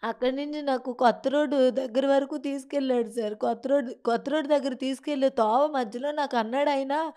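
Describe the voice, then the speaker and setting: Speaking fairly quickly in a high-pitched, dark-toned voice with fairly even intonation, this young woman delivers emotional testimony in an interview. She has a Srikakulam Telugu accent, comes from Srikakulam, Andhra Pradesh, and pleads in distress, continually addressing the interviewer as "sir."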